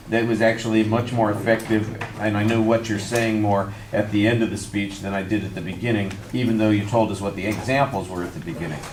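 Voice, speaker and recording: Man with a fairly low voice, speech teacher critiquing a talk, echoey classroom, faint hiss. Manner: measured, constructive, with frequent uh and um fillers. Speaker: speech instructor. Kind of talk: spoken feedback on a student speech.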